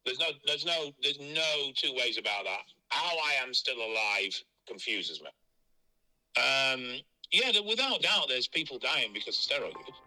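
Blunt guy on the phone, kinda tinny and sharp, just says it straight. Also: mid-range voice, big pitch swings, moderate pace. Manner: blunt, frank and matter-of-fact. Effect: heard over a phone line. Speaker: interviewee. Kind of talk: candid phone interview.

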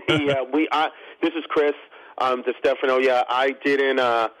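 A man speaks as a guest in a loose interview chat. He hesitates often and fills gaps with ums and uhs. His pitch sits in the ordinary range. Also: fairly even intonation, unhurried, fairly bright tone, poor audio. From Brooklyn, New York. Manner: hesitant, filler-heavy, laughing easily. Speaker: guest actor.

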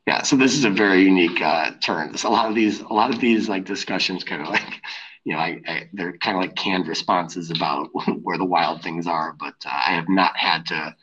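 A man with a very low, husky voice chats as a podcast guest and rambles through lots of fillers. His tone is bright and forward. The audio is dull and lo-fi, as if it came over an online call. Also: brisk. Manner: rambling, filler-heavy, laughs easily. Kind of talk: casual chat. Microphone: headphones on an online call.

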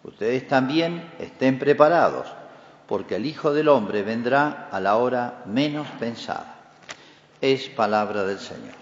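A male priest reading the Gospel and preaching a homily in a measured liturgical cadence with emphatic rises, his voice ringing with long church reverb. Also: mid-range voice, expressive, lo-fi sound, slight background noise. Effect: long cathedral-like church reverb. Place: large church.

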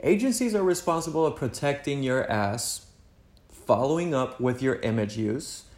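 A young man, a native Spanish speaker, talks loosely and rambles, stacking "like" and "you know" as he chats. His voice sits at a middle pitch. The room around him is noticeably echoey. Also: expressive, moderate pace, darkish tone. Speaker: podcast co-host. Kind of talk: casual chat.

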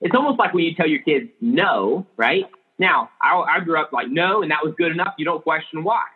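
A man's voice: a little high, expressive, brisk, husky, phone-quality sound. A man hosting a casual group discussion, talking in a rambling way with many restarts. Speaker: podcast host.

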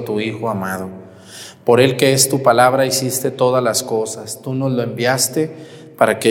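A priest leads Mass in a large church, reciting the liturgy in a solemn, measured cadence. His voice sits at an ordinary middle pitch. Each phrase rings out with a long cathedral echo. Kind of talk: celebrating Mass.

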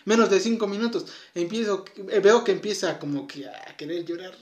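A man's voice: high-pitched, a little fast, darkish tone, reverberant. A young man with a Mexican Spanish accent chatting casually, agreeing easily and swearing in slang. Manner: agreeable, slangy, laughs along. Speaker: conversation partner. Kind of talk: casual chat.

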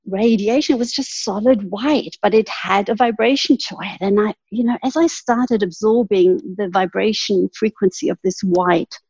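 A woman's voice: medium pitch, normal speed, few pauses, a little mellow, no echo. A woman guest in an interview telling a personal story earnestly, often breaking into light laughs. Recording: husky voice, dull lo-fi sound.

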